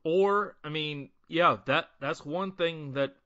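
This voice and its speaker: Podcast guy with a bright punchy voice, recapping stuff casually, dry muffled mic. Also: a little high, slow pace, dry recording. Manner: conversational, retells the plot and acts out quotes. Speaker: podcast co-host. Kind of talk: casual chat.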